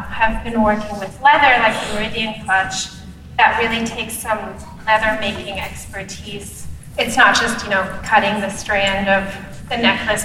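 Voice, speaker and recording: A woman's voice: fairly high pitch, bright, forceful tone, a little hiss or hum. A woman designer presenting to an audience at an event, talking in a friendly, casual way with a few fillers. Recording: distant, echoey hall recording.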